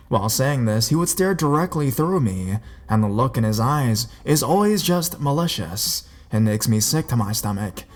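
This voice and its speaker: A man narrates a scary story in a measured, ominous way, his voice sitting at an ordinary middle pitch. Soft music plays faintly beneath his reading. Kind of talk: scripted horror story narration.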